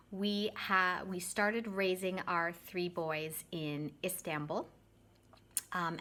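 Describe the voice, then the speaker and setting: Speaking to camera on her channel, a thirtysomething Canadian English teacher and vlogger chats in a fairly bright voice that sits on the low side. She addresses viewers in a friendly, direct way, fixing her wording along the way.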